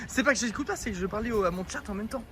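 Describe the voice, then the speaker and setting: A young man livestreams from a town street, casually chatting, joking, and teasing his viewers while a bit out of breath. His high-pitched voice comes rapid-fire over a noisy background.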